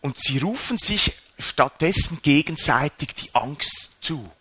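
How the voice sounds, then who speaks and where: Man, preacher, sermon, lively swooping pitch, bright edge. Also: a little slow, breathy edge. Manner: animated, rising and dropping sharply for emphasis.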